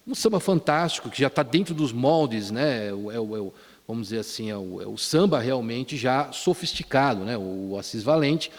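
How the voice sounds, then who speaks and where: At a conference, a man of medium pitch delivers an academic lecture on popular song, quoting lyrics as he goes. He speaks at normal speed with lively intonation, frequently ending phrases with tag questions and restarting words. The hall is reverberant.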